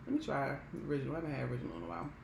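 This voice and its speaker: A woman's voice: sits low, lively intonation, racing, vocal fry. American woman chatting candidly in an echoey room. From Maryland, United States. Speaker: vlogger. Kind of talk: casual mukbang chat to viewers. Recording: roomy echo with background hiss.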